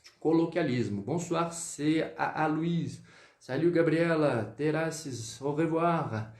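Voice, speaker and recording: A man teaching French in a live online lesson, greeting viewers and drilling pronunciation slowly. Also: on the high side, a little mellow, reverberant. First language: Portuguese.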